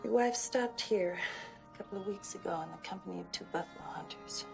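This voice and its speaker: An actress playing a calm, gentle frontier woman who speaks softly. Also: medium pitch, a little fast, gravelly, lightly acted. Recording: film soundtrack with music underneath.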